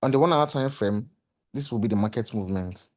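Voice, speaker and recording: A man with a slightly hoarse voice explaining trading charts in a lesson, walking through the steps and repeating key points with rhetorical questions. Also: on the low side, fairly quick, darkish tone. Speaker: trading mentor. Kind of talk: screen-share trading lesson.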